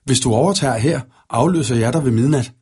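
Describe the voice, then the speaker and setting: A man's voice: medium pitch, a little mellow, breathy edge. Slåen, a man doing a serious loyal knight.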